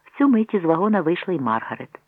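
A man's voice: sing-song, fast talker, dry recording. A man narrating a novel aloud, changing his voice for the characters' lines. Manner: voices characters by shifting pitch. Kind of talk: audiobook reading with acted dialogue. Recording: tinny phone-like sound.

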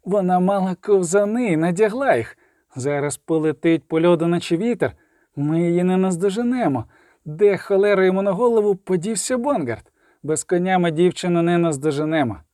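Man voicing a weary tracker, impatient, higher voice, warm dry tone. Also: a little fast, dry recording, natural voice. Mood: frustrated. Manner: impatient, pushing. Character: weary, insistent male tracker pressing the hunt.

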